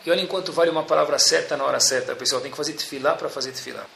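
A man's voice: a little high, very fast, creaky. A man giving a storytelling religious lesson, acting out the voices in the stories he tells. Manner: animated storyteller acting out quotes. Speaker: religious teacher.

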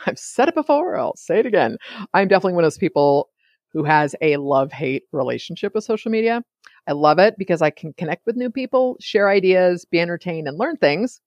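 A woman's voice: lowish voice, lively intonation, fairly quick, a little mellow, no room sound, lo-fi sound. A woman hosting a solo podcast, talking casually in a chatty, digressive way and often sidetracking herself. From California. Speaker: podcast host.

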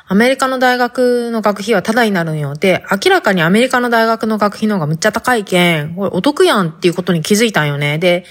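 A woman podcast host speaking in Hakata dialect, telling her story in a chatty, informal way. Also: medium pitch. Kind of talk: casual podcast monologue.

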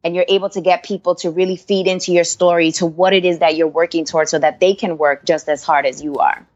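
A woman's voice: on the low side, quick pace, muffled recording. A woman from Queens, New York, talking earnestly as a podcast guest and often checking in with "right?". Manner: earnest, animated, often tags lines with "right?". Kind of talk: casual interview talk.

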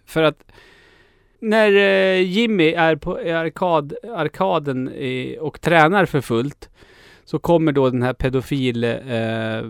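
A man co-hosts a casual film podcast, talking excitably and stumbling over his restarts. His voice is smooth and clear, a little higher than most men's. It sounds dry and close to the mic. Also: no echo. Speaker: podcast co-host.

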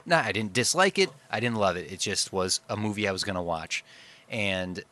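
A male podcast co-host with a fairly low voice talks casually about films. He rambles a little as he thinks through his opinions aloud. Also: expressive, moderate pace, pushed and bright. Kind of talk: casual film discussion.

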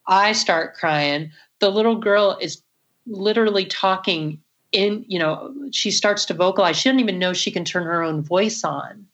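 A woman's voice: fairly low pitch, a bit bright, highs cut off. A woman audiologist telling a story in an interview, earnest and reflective, with frequent "you know" fillers.

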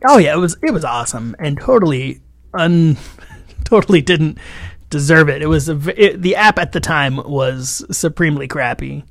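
Guy cohosting a podcast, high voice, rambly and laughy, dry close sound. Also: moderate pace, no room sound. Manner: rambling, animated storytelling with frequent laughs. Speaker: podcast co-host. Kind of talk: casual chat.

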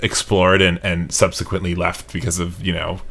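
A man's voice: deep voice, little pitch movement, normal speed, creaky, fairly bright tone, breathy edge. A man co-hosting a podcast, chatting casually in a rambling, self-deprecating way that often trails off mid-thought. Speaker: podcast co-host. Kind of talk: casual chat.

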